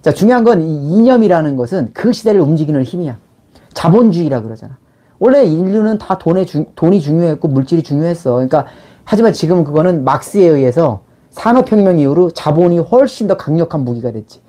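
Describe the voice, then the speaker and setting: A man's voice: fairly high pitch, lively intonation, fast, warm tone. A middle-aged man giving a casual lecture in blunt informal speech, firing rhetorical questions at his listener. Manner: acts out little quoted exchanges mid-talk. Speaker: channel host, life and money mentor.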